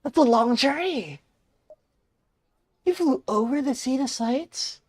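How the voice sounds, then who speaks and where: A man voicing a gentle older male café owner in a story game, polite and courtly. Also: extremely high pitch, lively intonation, takes it slowly, husky, dry recording, voice pushed up, full character voice. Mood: courteous.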